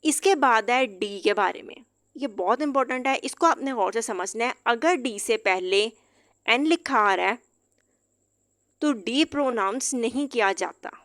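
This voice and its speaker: A woman gives a patient, explanatory lesson, repeating each example word slowly and carefully. Her voice sits a little high. The sound is dry and close, with little room in it. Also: expressive, fairly bright tone, no echo. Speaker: English teacher.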